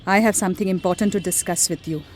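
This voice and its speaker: An actress playing a haughty, scornful, middle-aged wealthy matriarch in a radio drama. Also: female voice, lowish voice, steady tone, quick pace, a little mellow, a little hiss or hum, close to an everyday voice. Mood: stern, ashamed. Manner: imperious, scornful, commanding. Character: haughty, threatening wealthy family matriarch, mother of grown son.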